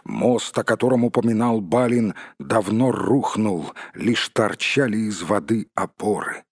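Husky-voiced male narrator, dry and close, steady storybook reading. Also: lowish voice, a little slow, no echo. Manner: steady storytelling, addresses listener. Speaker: audiobook narrator. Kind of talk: scripted narration.

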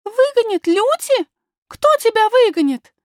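A woman's voice: very high-pitched, a little fast, no room sound, studio quality, pitched above the performer's own voice. A woman reading a storybook, voicing a young princess girl who is frightened but willful, speaking in an eager, pleading way. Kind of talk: audiobook character voice.

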